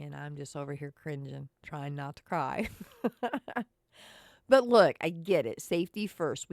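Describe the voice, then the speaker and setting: A woman's voice: lowish voice, no echo, clean studio sound. A woman hosting a podcast, telling her story in a chatty, sarcastic monologue and calling her listeners folks. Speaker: podcast host. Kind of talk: casual monologue.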